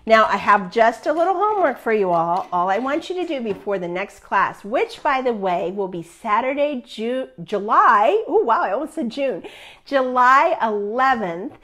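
A woman's voice: fairly high pitch, lively intonation, moderate pace, a bit bright. A middle-aged woman teaching a live online quilting class in a chatty, upbeat way, laughing often.

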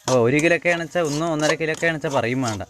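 A man from Kerala, India, talks very fast in a voice on the high side while casually demonstrating home cooking for his viewers. The vlogger works at a wood fire, rambling and repeating his phrases, and his noisy self-recorded clip is full of clicks and clattering pans.

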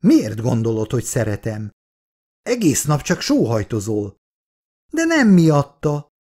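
A man's voice: mid-range voice, wildly swooping pitch, mellow. A man voicing a cool, aloof young daughter who speaks in an offhand, superior way.

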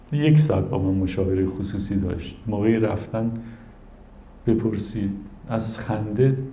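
A man's voice: fairly low pitch, gravelly, mellow, roomy sound, slight background noise. A man giving a spiritual talk as teacher and counselor, telling stories animatedly and acting out the people he quotes.

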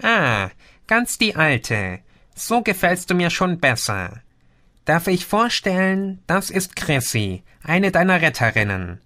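A man's voice: fairly high pitch, slow pace, pitched above the performer's own voice, full character voice. A man doing a chatty, playful male insect alien. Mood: teasing. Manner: lively, playful, breezy.

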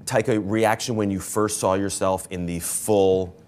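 A man interviewing film actors at a press event, friendly and quick to laugh. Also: on the low side, fairly even intonation, darkish tone, a little hiss or hum.

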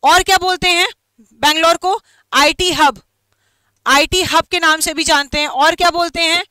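A woman's voice: very high-pitched, fairly even intonation, sharp tone, dry recording. A woman teaching an exam-prep quiz lesson online, repeating each question and mixing English phrases into her talk. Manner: reads English questions slowly and carefully.

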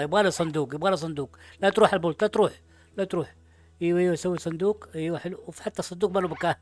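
A man's voice: a little high, a little mellow. A man giving casual let's-play commentary, chatting to himself as he plays. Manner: chatty, talks to himself while playing. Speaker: gaming YouTuber.

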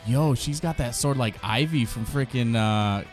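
A streamer and reaction host in his thirties gives enthusiastic, slangy commentary in a small home gaming room, his medium-pitched voice a little slow. He sounds casual, close on a boom-arm desk microphone, with music playing behind him.

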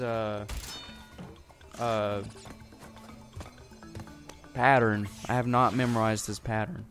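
Man, gaming commentary, constant swearing, mutters then snaps, mid-pitched voice, faint music behind. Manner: swears constantly, rambles, mutters, then erupts in frustrated outbursts. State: hungry and a bit grumpy. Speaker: gaming YouTuber. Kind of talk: profane casual let's-play commentary.

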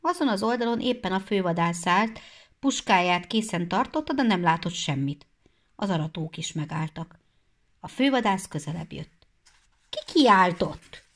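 A woman reads a children's story aloud in a measured, expressive way. Her voice sits on the low side for a woman. The delivery is careful storybook narration. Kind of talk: storybook reading.

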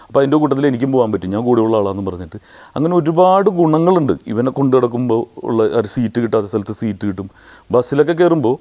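Fast-talking Malayali comedian, thin squeezed voice. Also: male voice, mid-range voice. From Kerala, India. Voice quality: thin squeezed voice, which he says sounds like a duck grabbed by the neck. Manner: animated anecdotes with quick mimicry of other voices. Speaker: comedian telling stories of his career. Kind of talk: casual storytelling.

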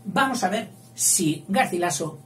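Slow-talking male literature teacher, chatty, counting syllables aloud, heard from across an echoey room. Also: high voice, lively intonation, fairly bright tone. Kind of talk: explaining poetic meter at a whiteboard. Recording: roomy, distant mic, faint hum.

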